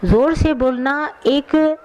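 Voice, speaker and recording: A woman's voice: high voice, extremely slow, darkish tone, highs cut off, a little hiss or hum. Earnest woman preaching a satsang. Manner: earnest and admonishing, answers questions directly. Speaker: spiritual teacher. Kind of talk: satsang sermon with audience questions.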